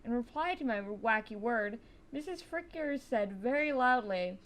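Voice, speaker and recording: Teen girl doing a storytime, high voice, chatty and a bit wry. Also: animated, measured pace, a bit bright. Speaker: storytime narrator. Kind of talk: scripted storytime narration.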